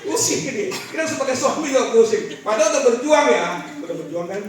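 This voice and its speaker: A man preaching a lively, animated church sermon to a congregation, illustrating his points with everyday stories. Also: very high-pitched, a little fast, recorded from a distance, noisy background. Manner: animated, rising to shouted calls to the congregation. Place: large church hall with a congregation. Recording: echoey church hall, mic from afar.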